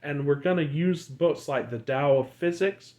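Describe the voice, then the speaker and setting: A man teaching breathwork and spirituality as a channel host, speaking in a slow, deliberate guru manner with pauses between short phrases. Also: on the high side, a little mellow. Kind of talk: guided breathwork and spiritual talk.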